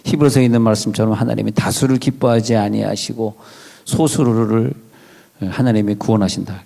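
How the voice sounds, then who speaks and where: A man's voice: fairly low pitch, steady tone, brisk, creaky, mellow. A male pastor giving a sermon in a church, conversational, with wry asides and questions to the congregation. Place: church sanctuary.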